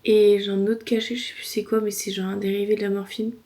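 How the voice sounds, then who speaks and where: Talking fast in a mid-range, mellow voice with a flat delivery, this vlogger speaks casually to camera. She uses slangy, informal language and gently grumbles about her sore, swollen mouth following wisdom teeth removal.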